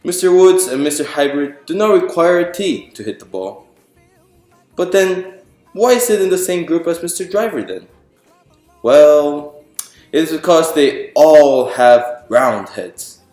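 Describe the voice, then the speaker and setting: Here a man narrates a picture book in a fairly high voice with lively intonation and a darkish tone, going a little slowly. He asks the audience questions and then answers them in an explanatory storybook style. There's a roomy echo and background music.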